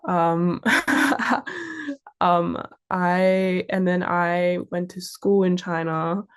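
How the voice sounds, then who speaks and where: An interview guest who works as a fashion model, this young Sydney woman chats and tells stories informally in an Australian accent. Her lowish voice is smooth and extremely slow.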